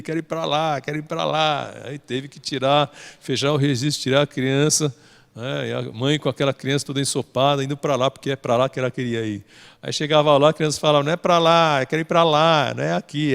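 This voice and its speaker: A man with a Brazilian Portuguese accent teaching a religious study lesson as a story, often ending phrases with a questioning "né?". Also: a little high. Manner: tags sentences with a questioning "né?". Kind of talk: storytelling lecture. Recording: long hall reverb.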